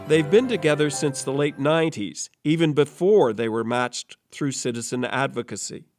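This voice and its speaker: A man hosting and narrating a community documentary in a measured, steady way. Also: a little high, faint music behind. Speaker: host and narrator.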